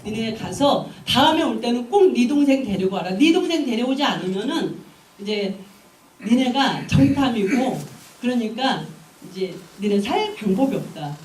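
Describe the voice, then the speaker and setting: A woman's voice: fairly high pitch, lively intonation, normal speed, a little mellow, echoey room, recorded from a distance, voice pushed down, close to an everyday voice, low-quality recording. A woman preacher voicing a stern male ruler who issues demands and questions suspiciously.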